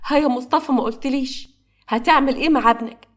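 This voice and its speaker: امرأة تؤدي هبة، زوجة شابة خائفة ومُصرّة بلهجة مصرية. نبرتها أعلى من المعتاد وكلامها سريع. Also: female voice, high-pitched, fast talker, voice pushed up, natural voice. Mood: insistent. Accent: Egyptian. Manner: fearful, insistent. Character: frightened demanding young wife Heba.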